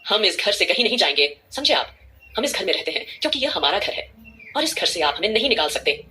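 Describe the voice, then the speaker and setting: A woman's voice: medium pitch, big pitch swings, quick pace, pushed and bright, faint music behind. A woman voicing a fierce elderly grandmother who firmly defends her daughters. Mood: indignant. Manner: firm, indignant.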